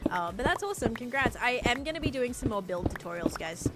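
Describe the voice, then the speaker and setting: Fast-talking and fairly high-pitched with lively intonation, a young Australian woman rambles on a live stream, reading the chat aloud. She sounds a bit congested, and the very noisy recording has background music underneath.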